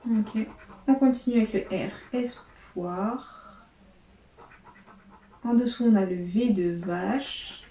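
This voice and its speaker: Woman, scratch-ticket vlogger, casual commentary, friendly to viewers, mellow tone, echoey room. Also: fairly high pitch. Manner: chatty, addresses viewers as friends. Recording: echoey room with faint noise.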